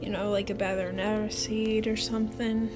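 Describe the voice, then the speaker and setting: A woman giving casual gameplay commentary as a voice-over, in a rambling, halting, self-deprecating and complaining way. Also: medium pitch, little pitch movement. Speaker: gaming video creator. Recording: voice-over with prominent background music. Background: prominent music.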